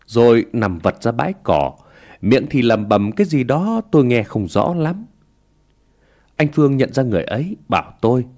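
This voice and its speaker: A man narrating a ghost story in a slow, hushed storytelling manner. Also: mid-range voice.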